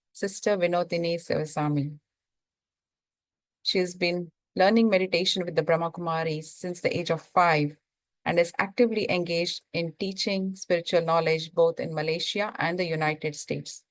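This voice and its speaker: A woman's voice: lowish voice, dry recording, low-quality recording. A woman hosting a spiritual talk program, formally introducing her guest. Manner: formal and welcoming, reading an introduction. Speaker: program host.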